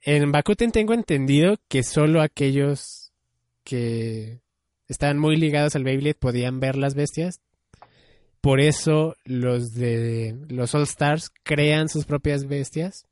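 A man's voice: on the high side, takes it slowly, a little mellow, dry recording. Musing man, dry close mic. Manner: musing, hedging, many fillers. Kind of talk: casual chat about anime.

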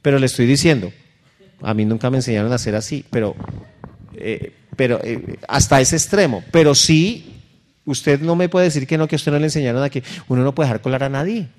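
A man's voice: medium pitch, a little fast, darkish tone. A middle-aged man, a pastor preaching a sermon in a conversational, storytelling way that speaks directly to his listeners.

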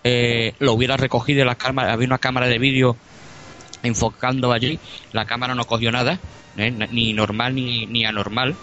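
A man's voice: mid-range voice, level tone, a little fast, sharp tone, dull audio, slight background noise. A man, a paranormal investigator, talking casually on a radio show, with many hesitations, fillers and restarts.

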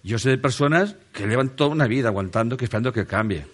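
A man's voice: mid-range voice, quick pace. A man gives a jokey motivational talk from a stage under a spotlight. He speaks straight to a seated audience and asks them questions. He laughs often as he talks.

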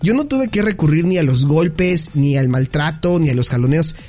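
A man's voice: on the high side, lively intonation, moderate pace, darkish tone. A man with a Mexican accent telling a childhood anecdote in a casual, playful chat, often laughing as he talks. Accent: Mexican Spanish. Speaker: podcast co-host.

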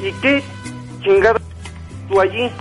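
A man's voice: sits high, a little slow, faint music behind. A Mexican man on a phone call, stern and angry, repeating himself and swearing. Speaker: prank call target, a father. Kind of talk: phone call on a radio prank.

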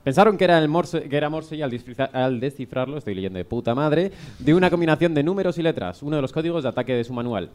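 A man's voice: fairly high pitch, animated, quick pace, darkish tone. A man reading a comic news story aloud, stumbling over words and laughing at his own slips. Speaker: comedy news contributor.

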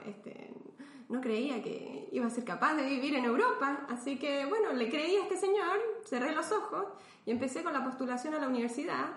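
This Chilean woman, a philosopher and artist appearing as a podcast guest, speaks with a Chilean Spanish accent in a fairly bright, high-sitting voice. She thinks aloud and laughs often during the casual interview, and the room has a noticeable echo.

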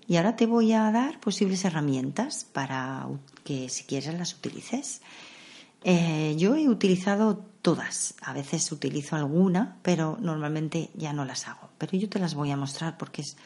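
A woman hosting a reflective podcast on meditation, explaining practices in a calm, conversational way. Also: low voice, moderate pace. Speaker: podcast host.

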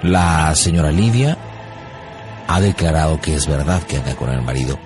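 A man voicing a stern male official who talks slowly and formally, on a radio prank call. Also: rumbling low, pitched below the performer's own voice. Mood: grave, formal. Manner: formal, slow and measured. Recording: radio broadcast with music behind.

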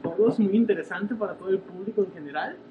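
High-voiced young Mexican man, animated storyteller. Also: fast, lo-fi sound. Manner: animated, playfully exaggerated storytelling. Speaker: podcast co-host. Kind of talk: joking podcast banter.

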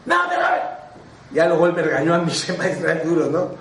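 A man's voice: fairly high pitch, very fast, slight background noise. A man giving a rabbi's sermon. He tells stories and asks his listeners questions. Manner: animated, storytelling, asks the audience questions. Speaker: rabbi teaching a class. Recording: echoey room, mic at a distance.

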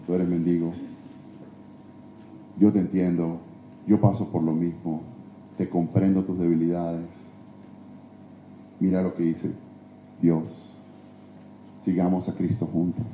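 A man preaching a sermon in a church, emphatic, swinging between loud exhortation and hushed confession. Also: sits low, flat delivery, takes it slowly, long pauses, muffled recording, a little hiss or hum. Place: church sanctuary. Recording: echoey church hall.

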